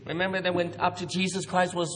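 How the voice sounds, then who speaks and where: A man's voice: high-pitched, little pitch movement, fast talker, a bit bright. A man interpreting a sermon into English at a pulpit microphone in a large church hall. He follows each phrase closely, with small slips and restarts. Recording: long hall reverb.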